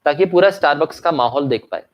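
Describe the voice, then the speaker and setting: A man's voice: a little high, expressive, normal speed, lo-fi sound. A young man teaching an online lecture, mixing English into his Hindi, asking checking questions and coughing now and then. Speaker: commerce exam teacher. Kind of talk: online lecture with story examples.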